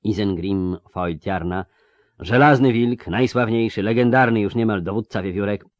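Male audiobook narrator, steady, low voice, dry close sound. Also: moderate pace, no room sound, lo-fi sound. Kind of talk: scripted narration.

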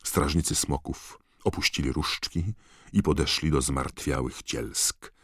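A man's voice: rumbling low, steady tone, a little slow, no room sound, clean studio sound. A man reading an audiobook aloud, with dramatic, varied delivery. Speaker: audiobook narrator. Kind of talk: scripted narration.

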